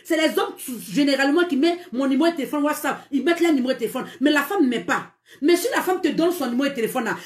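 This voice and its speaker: Cameroonian woman on a live stream, high voice, quick and scolding, roomy echo. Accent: Cameroonian French. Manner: emphatic, scolding, repetitive, laughs while talking. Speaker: live-stream dating advice host. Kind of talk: live-stream relationship talk.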